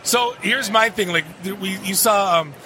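A man's voice: high voice, moderate pace, bright, forceful tone. A man hosting a casual podcast chat, telling rambling jokey stories. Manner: joking, rambling storyteller. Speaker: podcast host. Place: busy convention floor. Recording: noisy convention background.

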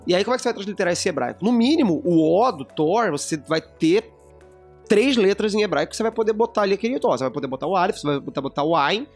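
A man's voice: high-pitched, animated, fast, breathy edge, faint music behind. A man co-hosting a casual podcast discussion, explaining at length with frequent restarts. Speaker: podcast co-host.

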